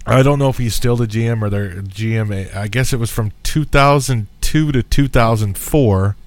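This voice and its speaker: A man's voice: mid-range voice, moderate pace, dry recording. A man hosting a casual talk radio show, chatty and easygoing with lots of filler words. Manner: easygoing, chatty, laughs often, many fillers.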